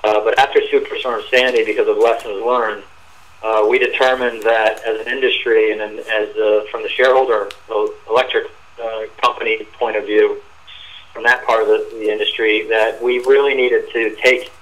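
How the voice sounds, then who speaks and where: A man's voice: on the low side, little pitch movement, normal speed, fairly bright tone, low-quality recording. A man explaining a slide in a webinar, hesitant, with many fillers. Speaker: industry speaker on a webinar.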